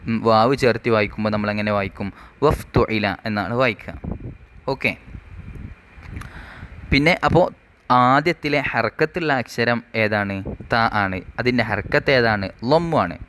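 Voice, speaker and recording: A man teaching an Arabic grammar lesson, reading rule text slowly and then explaining it, asking questions and answering them himself. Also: medium pitch, a bit bright, a little hiss or hum.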